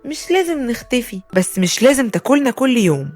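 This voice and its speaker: A woman's voice: fairly high pitch, sing-song, fairly quick, a little mellow, faint music behind. A woman with an Egyptian Arabic accent voicing a curious, timid male biscuit in a bedtime story. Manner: curious and wary.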